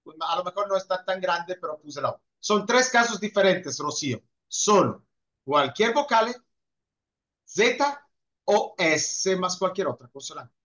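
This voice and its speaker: High-voiced man teaching online. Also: expressive, a little slow, sharp tone. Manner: patient, encouraging, repeats praise. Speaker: Italian teacher. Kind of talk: online class Q&A. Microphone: video call. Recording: muffled video call audio.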